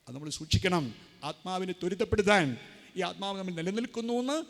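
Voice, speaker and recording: Animated priest preaching in a reverberant hall. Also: male voice, high voice, quick pace, vocal fry. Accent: Kerala Malayalam. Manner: animated storytelling with voiced quotes. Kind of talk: sermon. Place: large conference hall.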